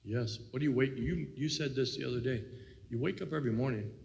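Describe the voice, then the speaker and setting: A man's voice: medium pitch, fast, gravelly, darkish tone, long reverb tail. A man co-hosting a casual faith talk, reflective and rambling, with many "you know"s. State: has the hiccups. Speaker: co-host.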